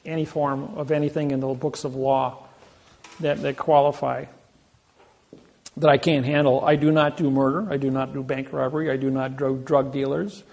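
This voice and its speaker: A man's voice: medium pitch, little pitch movement, moderate pace, vocal fry, darkish tone. An older man giving a seminar talk, telling boastful stories with many restarts and false starts. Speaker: seminar speaker. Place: seminar room.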